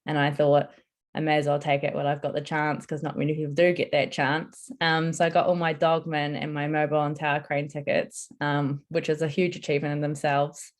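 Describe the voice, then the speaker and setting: A young woman, a construction apprentice, answers interview questions casually, earnestly and with enthusiasm. Her voice is low and brisk, with little pitch movement.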